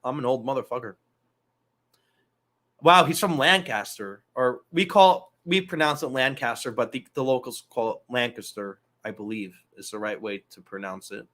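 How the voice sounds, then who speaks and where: A man's voice: mid-range voice, lively intonation, normal speed, fairly bright tone. A man hosting a casual wrestling talk show, loose and profane, rambling through asides. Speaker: podcast host.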